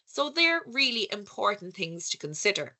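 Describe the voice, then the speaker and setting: A woman's voice: mid-range voice, sing-song, normal speed, sharp tone. A woman with an Irish accent giving a conversational conference talk, asking rhetorical questions and correcting herself as she goes. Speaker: workshop speaker.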